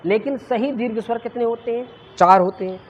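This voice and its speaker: A woman's voice: on the high side, husky. Female Sanskrit teacher, classroom lecture, quizzing style, muffled lo-fi recording. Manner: quizzes the class and answers her own questions; drawn-out sounds in demonstrations. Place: classroom with students present. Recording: muffled lo-fi with faint noise.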